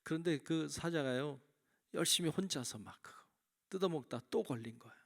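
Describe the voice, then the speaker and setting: A male pastor with a gravelly, slightly high voice preaches in a church. He tells a fable in a storytelling manner and keeps asking the congregation questions. His delivery is conversational. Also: animated, normal speed. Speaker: senior pastor. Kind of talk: sermon.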